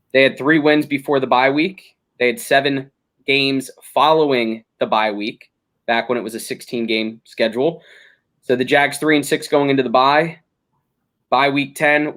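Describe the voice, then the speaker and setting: A man's voice: mid-range voice, a bit bright. A young man hosting a casual sports podcast, talking through games analytically with frequent ums and restarts. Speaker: podcast host.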